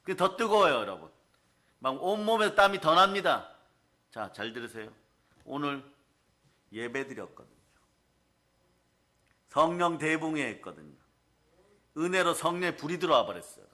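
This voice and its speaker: A male pastor delivers a sermon in a bright, forceful, fairly high voice. He drives his points home emphatically, constantly calling out to his listeners and acting out little scenes as he goes. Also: big pitch swings, normal speed, long pauses. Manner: emphatic, calls out to the congregation; storytelling with acted asides.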